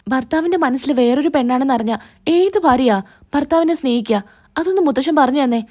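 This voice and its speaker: A woman's voice: sits high, a little fast, a little mellow. A woman narrating a recap of a TV serial episode, reading out every character's lines in her own plain storytelling voice.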